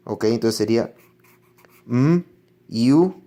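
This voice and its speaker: Male language teacher, unhurried and patient, drills each word over and over as he explains. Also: mid-range voice, animated, warm tone. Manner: slow, patient explaining with repeated example words. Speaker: English teacher. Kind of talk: classroom lesson on English pronunciation.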